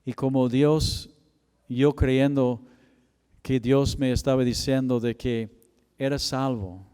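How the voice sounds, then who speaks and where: A man's voice: medium pitch, steady tone, warm tone, clear, resonant tone. A man pastor preaching a sermon and telling a personal story with emotion. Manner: storytelling, emotional, slow and deliberate. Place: church chapel. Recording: long hall reverb.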